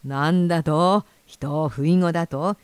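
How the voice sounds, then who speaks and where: A woman's voice: low voice, moderate pace, no echo, close to an everyday voice. A woman doing a blustering fat rich man. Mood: furious. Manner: blustering, shouting threats. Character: fat, greedy rich man, quick-tempered.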